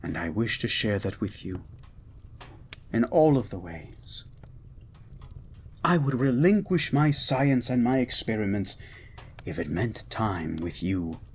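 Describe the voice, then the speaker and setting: A man voicing a gentle, learned mutant beast as a devoted lover, speaking in a slow, hushed, formal and ardent way in a romantic audio roleplay. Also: lowish voice, very animated, slight background noise. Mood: intimate, devoted. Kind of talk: romantic poetry reading and intimate audio roleplay.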